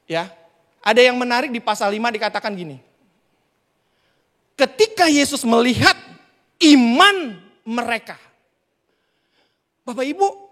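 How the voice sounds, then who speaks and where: A male preacher giving a sermon, telling a lively story and talking directly to the congregation. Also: very high-pitched. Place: church hall. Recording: reverberant church hall.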